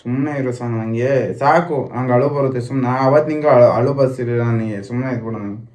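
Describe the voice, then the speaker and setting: Pleading young man, quick talk. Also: mid-range voice, darkish tone. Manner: pleading, repetitive, boastful. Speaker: vlogger. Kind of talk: couple prank vlog argument.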